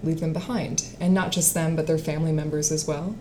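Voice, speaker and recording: A woman's voice: low-pitched, steady tone, a little fast, dark tone, a little hiss or hum. A woman in her late twenties, a singer-songwriter and actress, chatting in an interview with fillers and frequent laughter. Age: late 20s. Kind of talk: casual interview chat.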